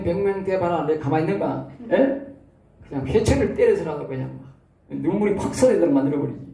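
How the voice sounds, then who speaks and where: A Gyeongsang-accented male pastor preaches in a high, dark-toned voice. He peppers his teaching with rhetorical questions and quick check-ins. He is recorded from a distance in an echoey room. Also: vocal fry. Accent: Gyeongsang Korean. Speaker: pastor teaching theology students. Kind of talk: expository sermon.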